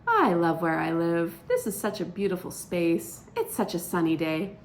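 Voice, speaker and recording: A woman acting out a territorial bird in a classroom skit, proud of its spot and shouting at intruders to go away. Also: lowish voice, huge pitch swings, normal speed, a little hiss or hum. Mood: contented. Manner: content musing, then shouted refusals. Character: territorial bird, proud then fiercely shooing.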